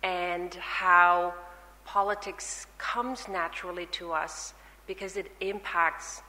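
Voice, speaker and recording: A woman from Nepal answering on a panel in a measured, emphatic way. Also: lowish voice, flat delivery, sharp tone, slight background noise. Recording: echoey hall.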